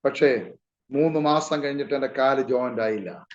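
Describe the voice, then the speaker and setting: A man's voice: medium pitch, moderate pace, reverberant. A male pastor preaching an emotional personal testimony, calling out to his listeners again and again. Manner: emotional, calls out to the congregation often. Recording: muffled lo-fi recording.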